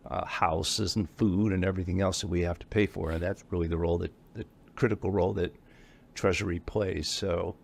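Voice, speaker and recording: This deep-voiced middle-aged man talks briskly with fairly even intonation and some vocal fry. Appearing as a guest in an interview, he's an association executive who rambles casually, frequently correcting himself and laughing softly between thoughts.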